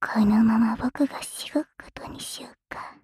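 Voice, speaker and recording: A woman as a breathy, whispering teasing wife. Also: a little high, moderate pace, no echo. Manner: soft, teasing whisper close to the ear. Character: teasing young wife who uses magic. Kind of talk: whispered ASMR roleplay.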